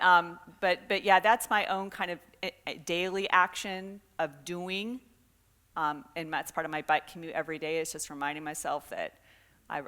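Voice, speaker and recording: A woman's voice: low voice, fairly bright tone. A middle-aged woman, a climate scientist, answering a forum question in an earnest, reflective way with frequent restarts. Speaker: climate scientist guest speaker.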